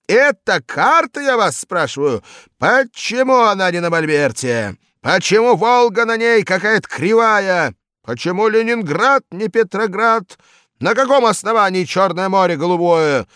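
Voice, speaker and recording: A man's voice: high-pitched, expressive, a little slow, pushed and bright, clean tone, dry recording, studio quality, pitched above the performer's own voice, full character voice. A man playing a furious male school headmaster who roars threats at everyone. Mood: raging. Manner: roaring, stamping, screaming threats.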